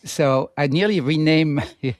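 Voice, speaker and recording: A man's voice: on the high side, unhurried, no echo. Playful male podcast co-host, dry sound. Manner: playful, rambling, laughs often. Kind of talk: casual chat.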